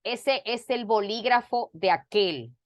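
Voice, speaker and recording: A woman from the Dominican Republic teaching a grammar lesson over a video call, talking deliberately and repeating her phrases. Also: on the high side, dry recording, clean studio sound.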